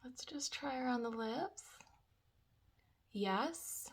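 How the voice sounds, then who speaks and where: A woman's voice: sits high, animated, slow pace, slight background noise. A young woman chatting casually through a makeup tutorial, gushing about products with lots of fillers. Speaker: beauty vlogger.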